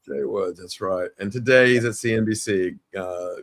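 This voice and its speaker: A man hosting a live stream interview, enthusiastic and halting, with many fillers and restarts. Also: fairly low pitch, creaky. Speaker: livestream host. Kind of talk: casual interview.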